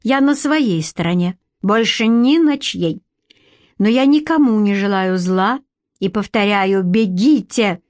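A woman voicing a calm, secretive adult man in an audiobook. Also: mid-range voice, slow, no room sound. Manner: calm, level.

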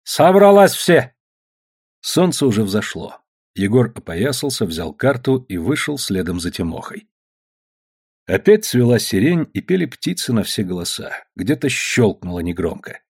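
A man narrating an audiobook with measured storytelling. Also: on the low side, very animated, darkish tone, husky. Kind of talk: audiobook reading.

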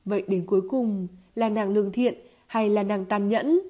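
A woman giving scripted audiobook narration of a novel in an even, steady storytelling manner. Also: medium pitch, normal speed.

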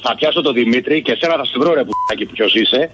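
An irritable man on a dull, muffled phone line, speaking at a mid pitch. He swears and makes threats at the caller. He repeats himself while cutting in. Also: expressive, background noise. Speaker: prank-call victim.

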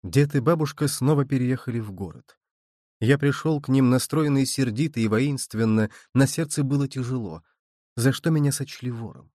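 A man reading a story aloud as an audiobook narrator, measured and even. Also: mid-range voice, no echo, studio quality.

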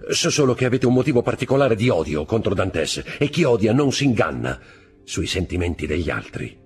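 A man's voice: fairly low pitch, big pitch swings, a little fast, slightly rough, pitched above the performer's own voice, full character voice. A man doing a desperate jealous young lover. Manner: vehement, pleading.

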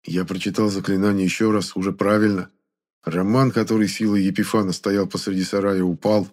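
Man, audiobook narrator, first-person story, slightly low voice, steady. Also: fairly quick.

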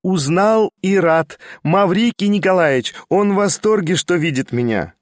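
A man voicing a lively, impulsive young noblewoman who talks quickly and eagerly, in a storybook reading. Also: sits high, dry recording, studio quality, pitched above the performer's own voice.

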